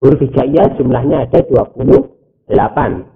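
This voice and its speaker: A man teaching Quran recitation rules, explaining step by step and reciting verses slowly with drawn-out words. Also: mid-range voice, animated. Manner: slow, deliberate, drawn-out recitation with repetition. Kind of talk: recorded teaching video. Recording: tinny, phone-like, narrow sound.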